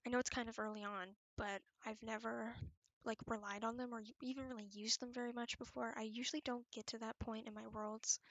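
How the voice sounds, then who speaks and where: Brisk and with few pauses, a young woman narrates her gameplay in a fairly high, fairly bright voice with flat delivery and no echo. She's a video creator whose casual gaming chat is rambling, informal and self-deprecating, set against background music.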